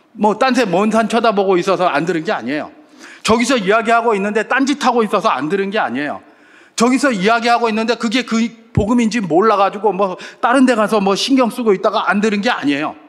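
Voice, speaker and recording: Male pastor preaching, with animated swings and rhetorical questions. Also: high-pitched. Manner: animated preaching with acted-out crowd shouts. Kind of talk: sermon.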